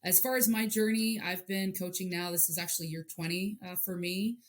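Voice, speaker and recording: A woman in her forties from Hawaii talks as a softball coach on an interview podcast. Her voice is very low, and she speaks earnestly, often stumbling and repeating words as she gathers her thoughts. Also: steady tone, fairly quick. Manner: earnest, repeats words while searching for them. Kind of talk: interview guest.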